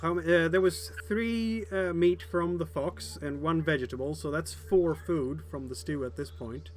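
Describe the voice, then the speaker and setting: Higher-voiced man running a tabletop game. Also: measured pace. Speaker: game master.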